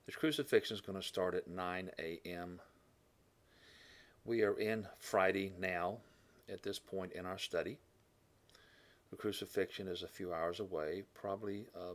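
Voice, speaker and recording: In a classroom-style Bible lesson, a man with a voice that sits low thinks aloud, filling pauses, correcting himself, and frequently clearing his throat.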